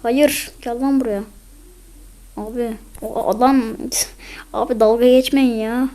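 Hoarse female gamer, higher voice, unhurried chat that breaks into excited shouts. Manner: chatty, bursts into excited yelling. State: hoarse from illness. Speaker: mobile game streamer. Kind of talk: casual gameplay commentary.

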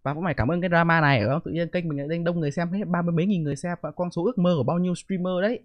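A man's voice: fairly high pitch, rapid-fire, no room sound, dull audio. A middle-aged man, a streamer giving blunt, profane, defensive commentary on a live stream.

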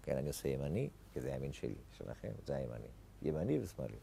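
A man's voice: a bass voice, sing-song, creaky, warm tone, slight background noise. A man teaching a Torah lesson as a rabbi, speaking animatedly with rhetorical questions and little acted-out dialogues. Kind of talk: Torah lecture.

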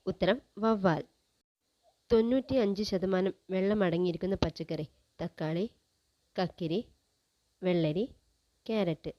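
A woman presenting a general-knowledge quiz, reading each question and its options in a measured, list-like way. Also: on the low side, no room sound, lo-fi sound.

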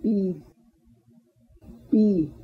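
A woman with a husky, creaky voice, slowly repeating words for a language lesson. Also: mid-range voice. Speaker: language speaker modeling words. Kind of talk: slow repeated word pronunciation. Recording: dull lo-fi recording.

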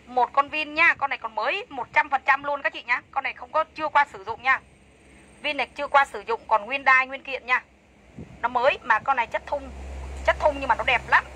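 A woman's voice: high voice, a little fast, bright, forceful tone, rough recording. A woman selling clothes on a livestream, chatty and enthusiastic, repeating prices over and over. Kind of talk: fast live-sale patter.

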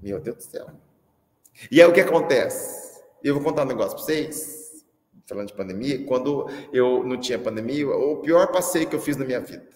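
A man with a Brazilian accent doing a comic monologue as a teacher, animated and repeating lines for effect. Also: mid-range voice, fairly quick. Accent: Brazilian Portuguese. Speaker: comedian playing a teacher. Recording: echoey hall with long reverb.

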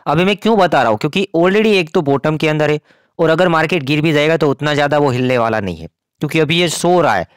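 Guy doing chatty crypto commentary for his channel, smooth resonant voice, kinda high. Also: animated, fast talker, dry recording, clean studio sound. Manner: chatty, explanatory, addresses viewers directly. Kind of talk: casual market commentary to viewers.

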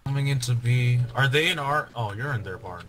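A man's voice: medium pitch, lively intonation, fairly quick. An American man chatting casually with his squad while playing, often trailing off and joking about his bad luck. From United States. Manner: rambling, self-mocking, trailing off mid-sentence. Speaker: gameplay commentator.

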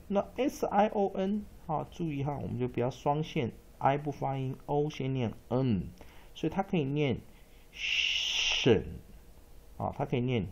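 A man with a gravelly, husky voice teaches spelling. He talks slowly and draws words out, and his pitch moves a lot as he repeats them. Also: a little hiss or hum. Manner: slow, drawn-out repetition of words and letters. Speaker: English teacher. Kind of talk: spelling and pronunciation lesson.

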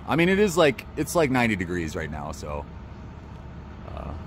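A man with a low voice talks in a relaxed, rambling way while filming on a sidewalk with his phone. Traffic and street noise are clearly heard behind him. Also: moderate pace. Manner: laid-back, rambling commentary. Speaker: street videographer. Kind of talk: casual narration to camera. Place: city sidewalk outdoors. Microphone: handheld phone camera.

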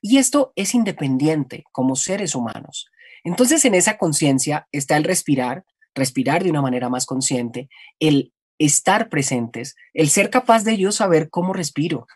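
A woman from Colombia, a voice-over artist, explaining her craft in a reflective, animated conversational interview. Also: sits low, moderate pace, slightly rough, no echo, clean studio sound.

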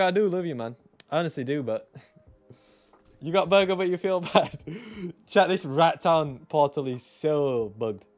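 A young man streaming a strategy game, chatting to his viewers, excitable, repeating himself and bursting into shouts and laughter. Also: a little high, no echo. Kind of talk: live gameplay commentary to chat.

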